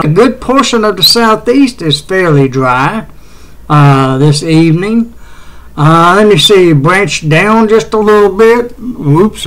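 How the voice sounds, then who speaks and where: Rambling West Tennessee man, fairly high voice. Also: a bit bright, low-quality recording. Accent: West Tennessee Southern. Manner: rambling, halting, many uh fillers and restarts, chuckles often. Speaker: amateur weather show host. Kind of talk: casual home weather broadcast.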